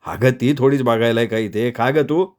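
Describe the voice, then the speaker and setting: Man as earnest young man, gentle, storybook dialogue. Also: medium pitch, normal speed, natural voice.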